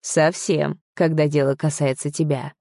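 A smug, possessive young man who gives orders and mocks, read by a woman narrator in a low, dark voice. The sound is dry and close, with no room around it. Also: flat delivery, a little slow, vocal fry, dry recording. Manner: mocking, commanding.

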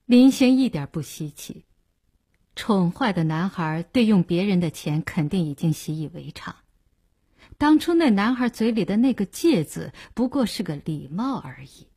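A woman narrating a novel as an audiobook in a measured, expressive storytelling manner. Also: lowish voice, husky.

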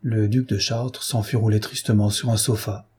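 A male narrator reads a classic novel with a husky, very unclear voice. His tone is dark and mellow. He tells the story at a measured, steady pace. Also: on the low side. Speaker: audiobook narrator.

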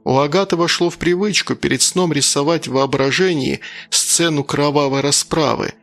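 A male narrator reads a dark story in a measured, deliberate way. His voice is gravelly and a bit higher than typical, with faint music playing beneath the reading. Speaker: audiobook narrator. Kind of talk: dramatic audiobook reading.

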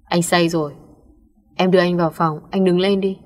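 A woman's voice: fairly low pitch, fairly even intonation, moderate pace, darkish tone, lightly acted. Woman reading a tearful young student girl. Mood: pleading. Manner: insistent, pleading. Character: young female student, tearful but guarded.

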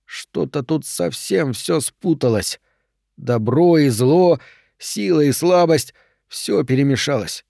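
A man's voice: fairly high pitch, lively intonation, slow pace, gravelly, mellow, no room sound, clean studio sound, heavily acted. A male reader voicing a wounded, bleeding man with a gun who speaks in terse, clipped phrases. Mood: grim. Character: wounded, bleeding male gunman, hard and confused.

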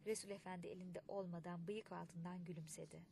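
A woman reading a literary audiobook in a measured, expressive way. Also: on the low side, creaky, background noise. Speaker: audiobook narrator.

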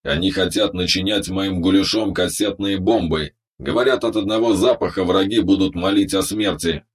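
Man voicing a robot cook, very low, husky and breathy, cheerful, audiobook character. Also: moderate pace. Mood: proud.

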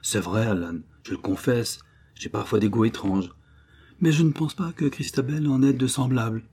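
A man voicing a refined young noblewoman who gently teases her brother, in a storybook reading. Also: medium pitch, moderate pace, husky. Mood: lively. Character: young noblewoman, teasing and lively.

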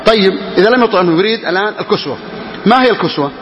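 A man teaching Islamic law to a class, reading lines slowly and repeating key phrases as he explains. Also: high-pitched, lively intonation, a bit bright, a little hiss or hum. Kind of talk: classroom lesson explaining a legal text. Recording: dull lo-fi recording with hall reverb.

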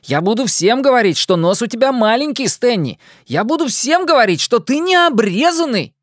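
A rowdy, show-off boy in an audiobook who clowns in mock announcer and tough-guy voices. He sits well above the narrator's pitch and pushes it louder, voiced by the reader. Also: very animated, slow pace, dry recording, clean studio sound. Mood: gleeful.

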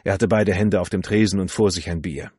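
A man reading a novel aloud as an audiobook narrator, in a calm, measured way. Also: sits low, slightly rough, no echo, studio quality. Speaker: audiobook reader.

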